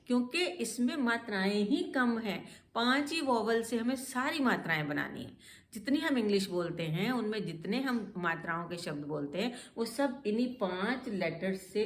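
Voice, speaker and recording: A woman teaching English pronunciation, spelling out letters and repeating words slowly. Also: medium pitch, reverberant.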